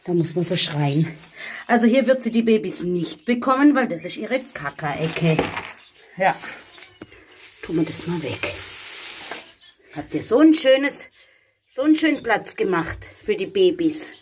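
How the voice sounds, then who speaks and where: A woman's voice: lowish voice, sing-song, measured pace, long pauses, a little mellow, slightly rough. A woman from Germany vlogging outdoors in a hot village yard, chatting to viewers and coaxing her animals with pet names. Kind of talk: casual vlog talking to viewers and animals.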